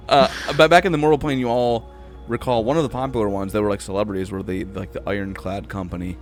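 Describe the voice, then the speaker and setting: A man's voice: on the low side, fairly even intonation, brisk, soft background music. A man narrating as game master, hesitant with many fillers and little laughs.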